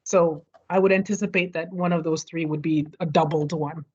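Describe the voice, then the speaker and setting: A woman's voice: low voice, fairly even intonation, moderate pace, a little mellow, slightly rough. A woman leading an online study group over a video call, explaining a topic and checking in with everyone. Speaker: study session leader. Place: home near street fireworks. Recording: muffled video call audio.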